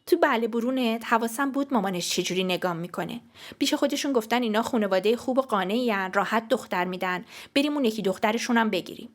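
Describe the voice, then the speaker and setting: A woman voicing an anxious, protective young sister in a storybook, speaking urgently and pleadingly in a raised, higher voice. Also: natural voice.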